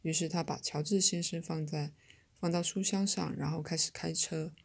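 A woman reading a story aloud as narrator, in a steady, measured storytelling manner. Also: sits low, gravelly, breathy edge. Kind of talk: audiobook narration.

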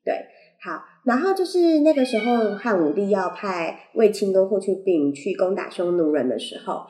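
A podcast host with a Taiwanese Mandarin accent runs a casual solo show, and her braces make her articulation slightly unclear. Her voice is mid-range and warm, with lively intonation at a moderate pace. She rambles playfully and corrects herself, recorded on a compact condenser microphone plugged into a phone that gives a roomy, echoey sound.

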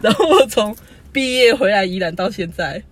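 Husky Taiwanese-accented podcast co-host. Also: medium pitch, moderate pace. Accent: Taiwanese Mandarin. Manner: animated storytelling, laughs often. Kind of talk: casual chat.

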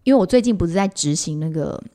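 A woman's voice: fairly low pitch, fast talker. A mother, co-hosting a casual chat and recounting family moments with lots of restarts. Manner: animated, lots of fillers and restarts. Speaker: podcast co-host and mother.

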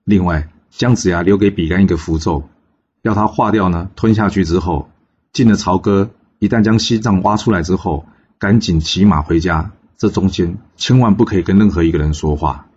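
Guy telling an old legend, deep husky voice, dull lo-fi sound. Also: normal speed. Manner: lively, chatty, with many filler particles. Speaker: storyteller. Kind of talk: oral storytelling of a folk legend.

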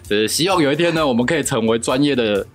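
A woman's voice: extremely low pitch, animated, fast talker, faint music behind. A woman with a Taiwanese Mandarin accent, hosting a podcast in casual chat. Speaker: podcast host.

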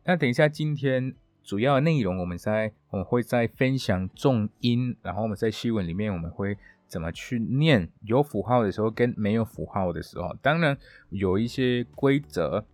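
A man hosting a podcast Spanish lesson, who repeats words slowly and clearly and talks with small fillers and restarts. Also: on the low side, animated, a little mellow, dry recording. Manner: halting, with fillers and self-corrections. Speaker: Spanish teacher, podcast host.

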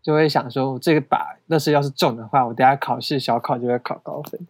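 With a medium-pitched voice and fairly even intonation, a young man speaking Taiwanese-accented Mandarin talks quickly as a podcast co-host. The chat is casual and self-deprecating, full of laughs, and there's no echo.

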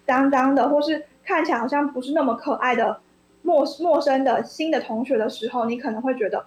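A woman reading a children's story aloud on the radio, expressive and lively, then discussing it as a guest. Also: high voice, fairly quick, echoey room, slight background noise, rough recording. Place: radio studio.

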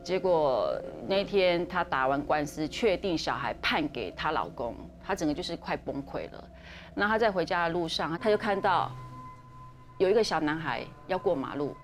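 A woman, hosting a podcast and dramatically telling a ghost story, with frequent fillers and restarts. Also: fairly low pitch. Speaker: podcast host. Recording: podcast with music underneath.

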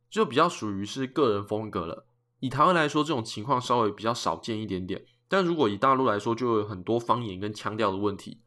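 Calm man teaching singing. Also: lowish voice. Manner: calm, methodical explaining. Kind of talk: explanatory lesson with sung examples.

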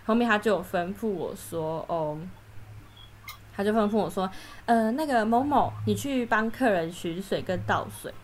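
A young woman chatting as a podcast guest, telling stories with lively energy and acting out what her coworkers said. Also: medium pitch, normal speed, a little hiss or hum. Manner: animated storytelling, acts out coworkers' lines. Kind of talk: casual podcast chat.

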